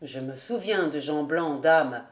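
A woman reading the part of a loyal, grieving male squire in an audiobook, speaking haltingly with strong emotion. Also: sits low, pitched below the performer's own voice. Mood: anguished. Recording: roomy echo.

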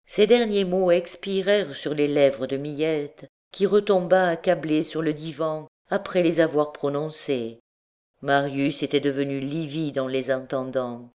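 Slow, measured woman audiobook narrator. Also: deep voice, a little mellow, smooth. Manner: measured, deliberate reading. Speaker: audiobook reader.

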